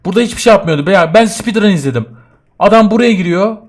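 A young man with a bright, fairly high voice talks through a horror game at his computer. He jokes nervously to viewers and often breaks into startled cries as the scares come. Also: expressive, fast. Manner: jumpy, yelps and jokes while scared. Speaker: gaming YouTuber. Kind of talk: horror game let's play commentary.

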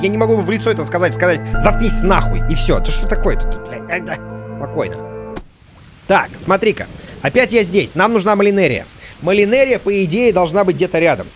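A man commentating on a survival game, his voice sitting a little high as he swears freely and bursts out in frustration. Faint music plays under his talk. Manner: agitated, swears a lot, frustrated outbursts. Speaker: let's play host. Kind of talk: gameplay commentary.

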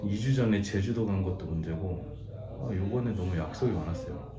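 A man in his thirties speaks through a face mask with a low voice, chatting casually to camera and scolding himself a little. The room is echoey, and a crowd can be heard clearly behind him. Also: brisk. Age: 30s. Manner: self-reproaching, chatty. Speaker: vlogger. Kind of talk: casual vlog talk to camera.

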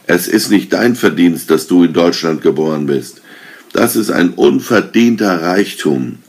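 A man's voice: sits low, lively intonation, measured pace, vocal fry, husky, heavily acted. A man voicing a towering, threatening man dressed as a holy king, who lectures sternly in a storybook reading. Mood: lecturing.

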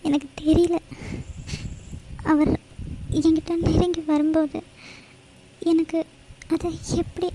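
A woman voicing a distressed young wife in a cartoon, who speaks haltingly through tears. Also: very high voice, noisy background. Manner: halting, tearful. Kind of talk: cartoon voice acting.

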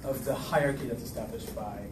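A man's voice: medium pitch, fairly quick, very noisy. A man from Israel speaking casually at a panel in a lecture room, joking and using many fillers. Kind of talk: public talk at a panel. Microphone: far camera. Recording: echoey room from far off.

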